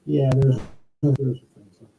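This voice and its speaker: A man's voice: mid-range voice, flat delivery, brisk, gravelly, warm tone, slight background noise. Man sounding muffled, like inside a barrel. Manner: joking, laughing at his own remarks. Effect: muffled, as if talking inside a barrel. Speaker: discussion participant. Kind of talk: casual chat over a video call. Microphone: video call.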